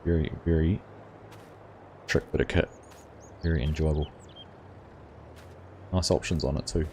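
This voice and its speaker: A middle-aged New Zealander with an extremely low voice hosts a live gaming stream, reading viewer comments at a measured pace over a little hiss or hum. Relaxed and chatty, he uses plenty of fillers and answers chatters by name.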